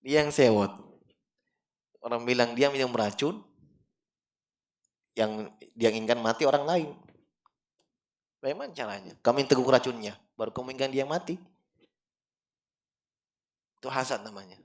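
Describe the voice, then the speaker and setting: A man giving an Islamic study lecture in a prayer room. He drops to low asides, then bursts into loud, emphatic lines, and often checks whether his listeners follow. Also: normal speed, long pauses. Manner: checks with listeners by asking "clear?". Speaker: religious teacher. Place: prayer room in an office building.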